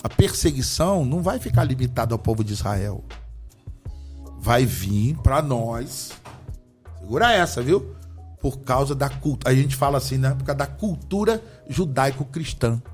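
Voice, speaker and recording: A man's voice: medium pitch, lively intonation, moderate pace, soft background music. A man from Brazil, an apostle guest, talking about faith in a fervent, preaching way and firing off rhetorical questions. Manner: fervent, emphatic, often asks rhetorical questions. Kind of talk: religious conversation with preaching.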